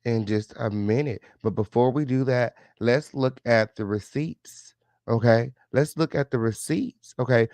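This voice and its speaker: A man's voice: mid-range voice, a little mellow, no echo. Smug, sarcastic man hosting a gossip livestream. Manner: smug, sassy sarcastic exposé delivery with drawn-out repeated catchphrases. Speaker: livestream host reacting to clips. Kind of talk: casual gossip livestream commentary.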